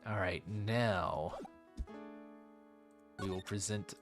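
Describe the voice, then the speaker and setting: A man's voice: lowish voice, steady tone, very slow, over music. A man streaming a game and reading its dialogue aloud in a casual way, with joking asides.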